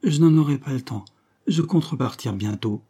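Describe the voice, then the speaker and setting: A man reading the part of a proud, hurt provincial noblewoman who speaks quietly and with restraint. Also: mid-range voice, animated, normal speed, husky, voice pushed up.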